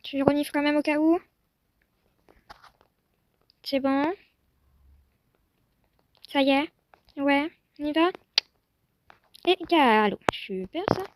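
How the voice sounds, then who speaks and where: Speaking slowly with long pauses, this high-voiced young woman comments on a Roblox horse-riding game, and a slight hiss or hum sits under her words. As a roleplay streamer she calls and coaxes her virtual horse, shifting from gentle reassurance to panicked yelling.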